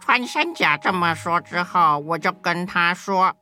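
A woman's voice: on the low side, animated, measured pace, bright, forceful tone, faint music behind, pitched below the performer's own voice. A woman with a Taiwanese Mandarin accent voicing a sooty, self-pitying female duck in an audio story, wailing and melodramatic. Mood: lamenting.

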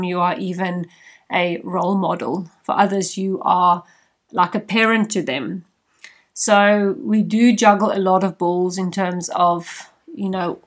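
A podcast host whose first language is Afrikaans speaks earnestly and personally to her listeners in a casual monologue. Her voice is medium-pitched.

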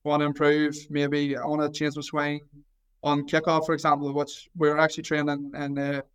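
A man in his twenties with a Northern Irish accent from County Down. His voice is smooth and a little high for a man, with a fairly flat melody. He talks casually as an athlete being interviewed, modest and hesitant, often restarting and repeating his words. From County Down, Northern Ireland. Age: 20s. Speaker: Gaelic football goalkeeper trying out as American football kicker.

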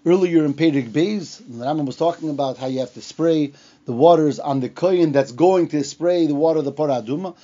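Higher-voiced man teaching with a Yiddish accent. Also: brisk, mellow, muffled recording. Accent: Yiddish-influenced English. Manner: explanatory, poses questions and answers them. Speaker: religious teacher. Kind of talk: informal religious lecture, reading and explaining texts.

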